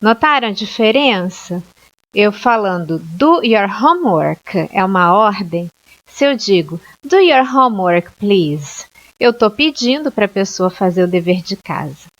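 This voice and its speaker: Slow, clear-speaking female English teacher. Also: medium pitch, animated. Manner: slow, clear teaching explanations with frequent checks like "ok?". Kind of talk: online language lesson. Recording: dull lo-fi sound.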